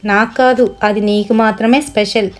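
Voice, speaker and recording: A woman voicing a young woman, the narrator's pushy friend, who coaxes and teases in a higher, lightly acted voice. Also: steady tone, normal speed, natural voice. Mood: teasing.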